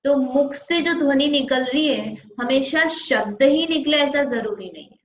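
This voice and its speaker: A woman's voice: sits high, a little slow, slight background noise. A woman teaching a scripture class who keeps asking the listeners questions and then answering them herself. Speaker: religious teacher. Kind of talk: scripture lesson. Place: studio. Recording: dull, roomy lo-fi recording.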